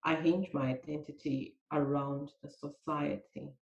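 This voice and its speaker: Gravelly Zimbabwean woman in a roomy recording. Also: low-pitched, flat delivery, a little slow, muffled recording. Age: middle-aged. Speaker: guest. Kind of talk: casual podcast interview.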